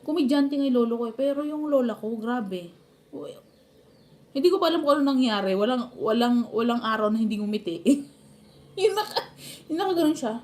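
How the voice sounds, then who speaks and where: Chatty laughing Filipina vlogger. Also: female voice, on the high side, animated, a little fast, pauses often, darkish tone. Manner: chatty storytelling, laughs often. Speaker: vlogger chatting with live stream viewers. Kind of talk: casual live stream chat.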